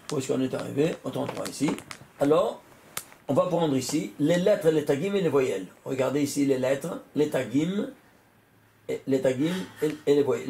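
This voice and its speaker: Man with a high voice teaching a Torah class. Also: darkish tone, a little hiss or hum. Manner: quizzing listeners with rhetorical questions; working through sums aloud. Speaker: rabbi.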